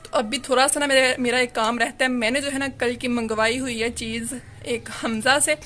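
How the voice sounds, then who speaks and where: In a sunny courtyard, a young adult Pakistani woman records a casual home vlog on her handheld phone, chatting and rambling with frequent "you know"s. Her fairly high voice is bright and forceful, with fairly even intonation at a moderate pace, over a little hiss or hum.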